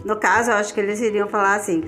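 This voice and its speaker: A woman's voice: mid-range voice, flat delivery, very fast, fairly bright tone, faint music behind. A Brazilian woman teacher with a Brazilian Portuguese accent, explaining a lesson step by step in a chatty way, often checking in with her students. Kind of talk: casual recorded lesson for students.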